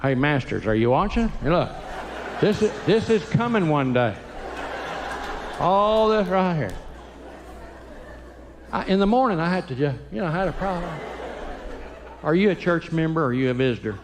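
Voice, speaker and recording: A man's voice: fairly high pitch, animated, normal speed, pauses often, long reverb tail, noisy background. An older man doing stand-up comedy in a church, folksy, teasing the audience and acting out quotes. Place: church sanctuary.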